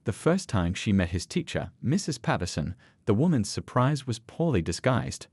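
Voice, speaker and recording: A man narrating a scripted story in a measured, expressive way. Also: lowish voice, breathy edge, dry recording.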